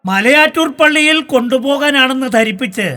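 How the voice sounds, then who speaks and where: A sarcastic care-home resident, played by a young man, jabbing at others in a very bright, high voice. It is a stage comedy drama. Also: lively intonation, brisk, heavily acted. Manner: sarcastic, mocking. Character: sharp-tongued old-age home resident.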